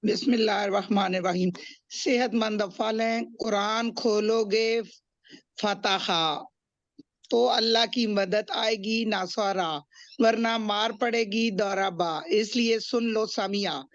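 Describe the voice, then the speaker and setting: A woman student reciting a memorized lesson in a brisk sing-song way. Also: mid-range voice, fairly even intonation, no echo, dull audio.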